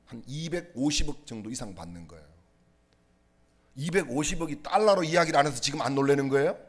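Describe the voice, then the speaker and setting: Middle-aged male pastor, husky voice, lively playful delivery, joking sermon in a church. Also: fairly high pitch. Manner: playful, teasing, asks the audience questions. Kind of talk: humorous sermon with jokes and questions to the congregation. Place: church sanctuary.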